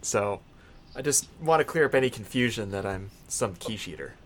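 A man's voice: lowish voice, expressive, normal speed, a bit bright. A man co-hosting a podcast who asks questions and makes teasing jokes. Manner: joking, teasing. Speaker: podcast co-host. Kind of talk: casual conversation.

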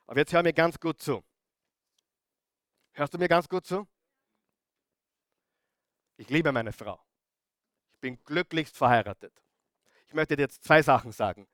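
A middle-aged preacher, his voice a little higher than most men's. He hammers key words again and again and keeps turning to the congregation with questions. The recording is dry and close, with no room echo. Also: a bit bright. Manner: emphatic, repeats key words, asks the audience questions. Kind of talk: sermon.

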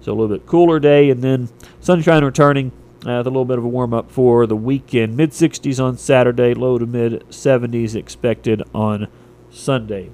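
A man's voice: medium pitch, fairly even intonation, normal speed, mellow. An American man anchoring local radio, reading sports scores and weather reports from copy as a news presenter.

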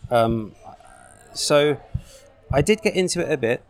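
A man's voice: a little high, expressive, measured pace. Chatty man in his forties. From United Kingdom. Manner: chatty, laid-back, many fillers. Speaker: guest. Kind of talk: casual podcast interview.

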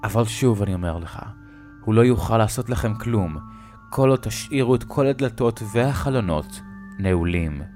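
A man voicing an old drunk who gives a hushed, grave warning, in a spoken horror story. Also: on the low side, lively intonation, soft background music, close to an everyday voice. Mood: ominous.

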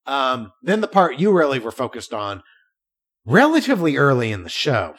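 Animated podcast man with lively pitch. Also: normal speed. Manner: animated storytelling with frequent restarts. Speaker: podcast co-host. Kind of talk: casual chat.

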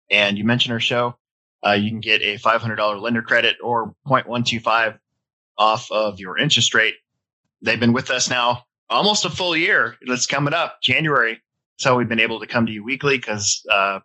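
This podcast host is a man in his forties with a bit of a stuffy nose, rambling casually about his hobby from home. He has a mid-range voice with a bright, forceful tone at normal speed, captured on poor audio.

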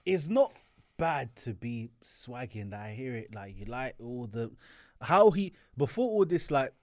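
A young man speaks in a London roadman accent with an average-pitched voice. He rants casually about sport, thick with slang and repeating himself in exasperation. The sound is dry, with very little room. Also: very animated, measured pace, a little mellow, dry recording. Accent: London, urban roadman slang. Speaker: podcast co-host.

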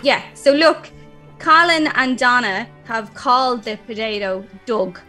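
A woman chatting casually as a guest, talking quickly and laughing often. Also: on the high side, animated, bright, forceful tone, faint music behind. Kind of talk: casual chat.

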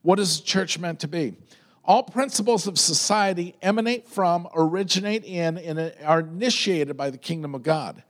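With a high-pitched voice at a normal pace, a male pastor preaches loudly in a conversational way. He often repeats words while working up to his point.

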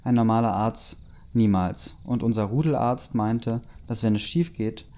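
A man's voice: mid-range voice, measured pace, mellow, lightly acted. A man reading the lines of a grumpy, easily annoyed teenage girl in his own plain voice, sulky and sarcastic. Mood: resigned.

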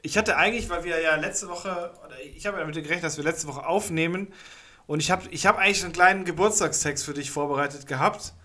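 A man co-hosting a casual podcast, rambling along with wry humor and correcting himself mid-sentence. His voice is somewhat high for a man and very bright, with a forward edge. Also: quick pace. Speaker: podcast co-host.

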